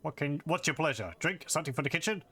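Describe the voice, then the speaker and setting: A man's voice: a little high, animated, quick pace, pushed and bright, slightly rough, voice pushed up, full character voice. A man voicing a folksy, chatty tavern keeper in a fantasy game.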